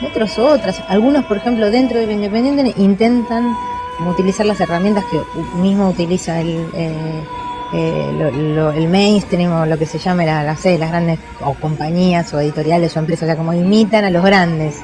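A woman with a somewhat low voice speaks in an interview, measured and searching for her words. Music plays clearly behind her throughout. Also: fairly even intonation. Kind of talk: explanatory interview talk.

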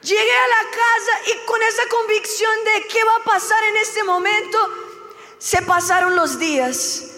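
A woman's voice: very high-pitched, measured pace, sharp tone. A young woman telling an emotional personal testimony as a church speaker, acting out the dialogue of her story. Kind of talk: testimony sermon. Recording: long hall reverb.

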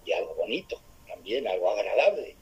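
A man from voicing a patient father who gently instructs his son in a parable. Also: low-pitched, sing-song, brisk, husky, muffled recording, voice pushed down, heavily acted.

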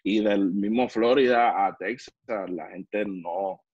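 A man's voice: on the low side, takes it slowly, a little mellow, husky, no room sound, highs cut off. A man from Puerto Rico with a Puerto Rican Spanish accent, a podcast guest telling stories in a blunt, slangy way. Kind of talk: casual storytelling conversation.

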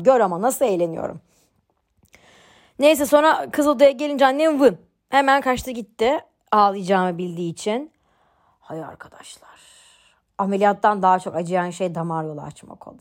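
A young woman telling a personal story in a casual podcast monologue, chatty and animated, poking fun at herself. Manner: chatty and animated, mocks herself, swings in pitch. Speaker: podcast host.

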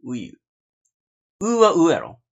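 A man in casual chat with a Kansai Japanese accent, guessing answers and exclaiming loudly, joking along. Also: on the high side, wildly swooping pitch, takes it slowly. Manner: loud exclaiming guesser, jokey. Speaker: podcast co-host guessing answers. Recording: dull lo-fi podcast audio.

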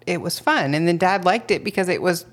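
A woman with a fairly low voice in casual podcast chat. She tells her story in an animated way and laughs often. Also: fairly quick. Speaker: podcast co-host.

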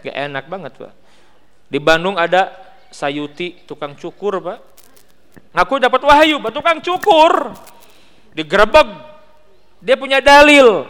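A man with a West Javanese accent giving a lively sermon, joking and asking the congregation questions. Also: high-pitched, a little slow, pauses often, clean tone, long reverb tail. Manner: animated, teasing, asks the crowd questions. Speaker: preacher. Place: mosque hall.

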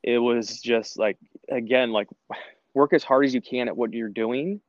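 A man's voice: medium pitch, fairly even intonation, moderate pace, no room sound, muffled recording. A man, a former college soccer player, telling his story in a casual interview with lots of restarts and fillers. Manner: rambling, many restarts and filler words.

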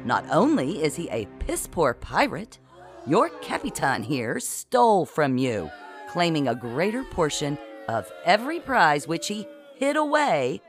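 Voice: mid-range voice, sing-song, a little slow, faint music behind. A storybook reader voicing Marcy, a scheming woman accountant who leads a mutiny and talks in breezy corporate euphemisms. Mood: accusing.

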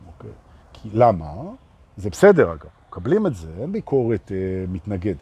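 A man giving a live spiritual talk. He moves between slow, emphatic teaching and playful, self-mocking jokes. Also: lowish voice, sing-song, warm tone, husky, no echo, highs cut off.

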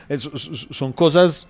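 Male Colombian co-host, casual banter, very animated intonation, somewhat raised pitch. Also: slow. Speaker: podcast co-host. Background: faint music.

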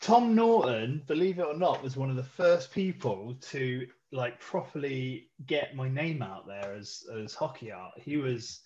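A man's voice: medium pitch, expressive, a little slow, few pauses, a little mellow. A man hosting a podcast, laid-back and sweary, laughing often. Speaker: podcast host. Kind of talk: casual chat. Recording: dull lo-fi audio.

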